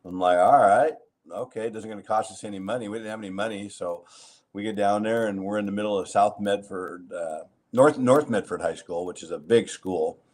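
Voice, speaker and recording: A man hosting a talk show, telling a long anecdote in a rambling, animated way with many fillers. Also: fairly low pitch, a little fast. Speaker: host. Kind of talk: casual chat, anecdotal storytelling.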